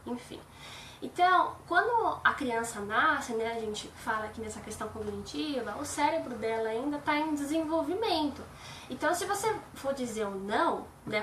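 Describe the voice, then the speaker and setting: A woman's voice: high-pitched, a bit bright, reverberant, recorded from a distance, slight background noise, low-quality recording. A Brazilian woman psychologist explaining on a live stream with everyday examples. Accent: Brazilian Portuguese.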